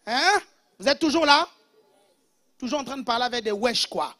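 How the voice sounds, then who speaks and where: A man's voice: very high-pitched, animated, a little fast, bright, forceful tone. A man preaching a humorous sermon as pastor, teasing the congregation playfully and mimicking accents.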